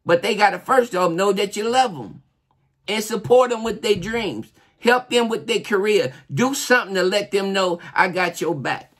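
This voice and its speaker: A man's voice: high voice, normal speed, fairly bright tone. A middle-aged man giving an earnest, informal sermon, exhorting and repeating key phrases for emphasis. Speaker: preacher, church elder. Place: small furnished living room, indoors.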